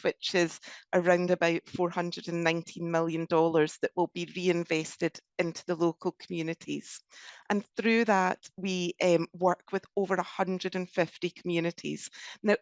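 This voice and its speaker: A woman's voice: on the low side, no echo. Woman with a broad Scottish accent. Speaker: presenter from a renewable energy company. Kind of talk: webinar presentation.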